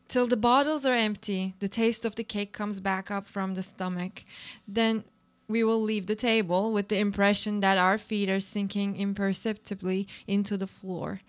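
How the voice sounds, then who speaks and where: An actress with a natural, medium-pitched voice plays a brooding, cynical, uneasy married woman in a literary radio play. She delivers her lines in a deliberate, poetic way.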